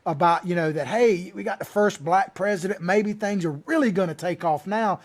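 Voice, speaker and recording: A male talk show host speaks in an old Florida cracker drawl from the American South. His voice sits high for a man. He interviews in a folksy, rambling, conversational way. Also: moderate pace. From small-town Florida, US South.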